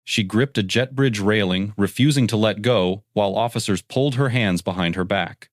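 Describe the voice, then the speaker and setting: A man narrating a scripted legal explainer in a measured, factual way. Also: fairly low pitch, no room sound, studio quality.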